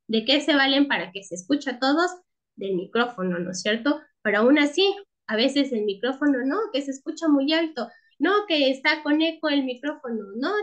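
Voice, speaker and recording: A woman teaching a class, checking in with her listeners again and again and restarting words as she goes. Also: a little high. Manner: checks in with frequent tag questions; restarts words and repeats herself. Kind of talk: class lecture.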